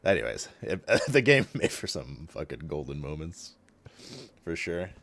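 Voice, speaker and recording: A man's voice: rumbling low, very animated, measured pace, vocal fry, a bit bright. A man streaming, chatting casually about a game, swearing freely and laughing often.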